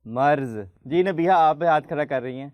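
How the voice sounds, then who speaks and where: A man hosting a children's program, patiently quizzing the kids and slowly spelling out letters for them to pronounce. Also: on the high side, no room sound, lo-fi sound. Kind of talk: friendly studio hosting for children.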